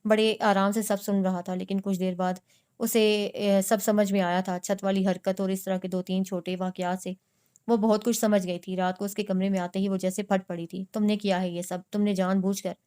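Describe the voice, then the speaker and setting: A woman narrating a romance novel in a steady, measured way. Her voice is clear and smooth, with a flat, even pitch that barely moves. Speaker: novel reader. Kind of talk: scripted narration.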